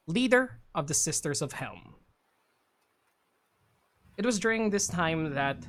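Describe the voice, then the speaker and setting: A woman game master reading a story recap for a tabletop game from her notes. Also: low-pitched.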